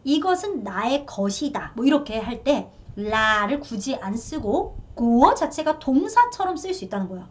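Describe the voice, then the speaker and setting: A woman with a fairly high, very animated voice teaches a beginner's language lesson. She drills each word slowly several times and laughs at her own small slips. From Korea. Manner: lively, drills words in slow repetition.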